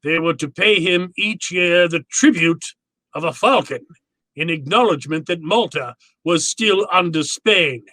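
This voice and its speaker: A man's voice: fairly high pitch, unhurried, pushed and bright, no room sound, rough recording. A man playing a courtly, genial crime boss in a radio drama, telling his tale in a florid, grandly polite manner. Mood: courtly, eager.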